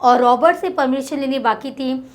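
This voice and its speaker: A woman tutor with an Indian accent, reading English lines slowly and explaining them in Hindi. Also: high-pitched. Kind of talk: explaining a textbook lesson.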